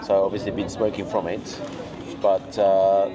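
This middle-aged host, a cigar retailer, keeps an on-camera lunch conversation casual and chatty at an outdoor table next to a stone wall, often repeating phrases for emphasis. His deep voice has a flat, unhurried delivery. Crowd noise and music run underneath.

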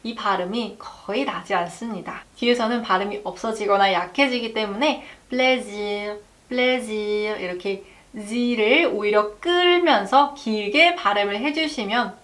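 A woman teaching a French lesson, slowly and carefully demonstrating pronunciation for learners to repeat. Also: medium pitch, a bit bright. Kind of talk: language lesson.

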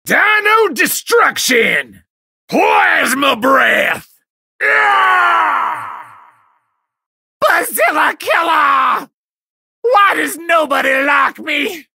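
An actor voicing a small rampaging Godzilla-like monster for a video game, bombastic and destructive, shouting short catchphrases in a gravelly screech. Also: sits high, no room sound, studio quality, exaggerated voice. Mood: aggrieved, whiny.

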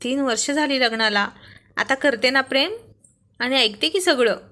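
A woman's voice: high voice, moderate pace, pushed and bright. A woman voicing a young wife who scolds her husband with exasperated affection in a read-aloud story.

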